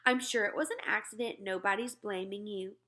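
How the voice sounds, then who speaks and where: A woman's voice: mid-range voice, fairly even intonation, a little fast, bright, forceful tone, lightly acted. A woman voicing a doting, soothing mother in a children's storybook. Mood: reassuring. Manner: cooing endearments and reassurance.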